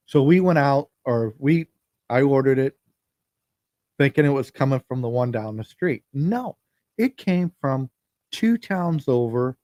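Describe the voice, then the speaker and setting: A man hosts a podcast livestream from a phone mic, talking on his own in a loose, rambling way and often repeating or restarting sentences. His voice is mid-range with a darkish tone. The sound is studio quality with no room sound.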